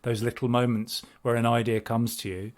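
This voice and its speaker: A man's voice: mid-range voice, little pitch movement, moderate pace. A man co-hosting a podcast over a video call, chatting casually in a teasing, wry way and laughing at his own jokes. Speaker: podcast co-host.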